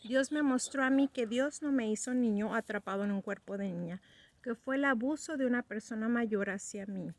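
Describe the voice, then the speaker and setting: Speaking at a moderate pace in a slightly high voice, a woman in her fifties shares her religious testimony earnestly. As she tells it, she performs the remembered dialogue.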